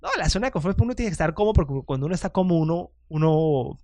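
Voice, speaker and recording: A man's voice: fairly high pitch, expressive, racing, a little mellow, dry recording. A chatty man hosting a casual podcast monologue, self-deprecating and often restarting his sentences. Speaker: podcast host.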